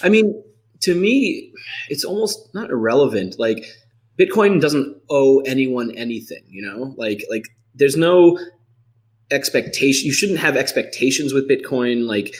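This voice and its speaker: Man, podcast host, middle pitch, casual chat, rambling, lots of fillers. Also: expressive, measured pace. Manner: rambling, heavy on fillers like "like" and "you know".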